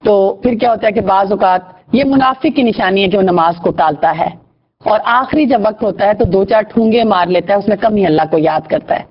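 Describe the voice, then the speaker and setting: A woman's voice: medium pitch, dull audio. A woman teaching a religious lesson to girls, asking rhetorical questions and often adding tag questions.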